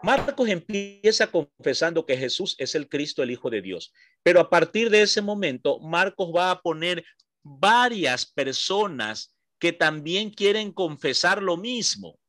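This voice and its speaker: A man's voice: high voice, expressive, a bit bright, no echo, clean studio sound. Ecuadorian man teaching a Bible class. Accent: Ecuadorian Spanish. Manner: explanatory, checks understanding with short questions; repeats points slowly for emphasis.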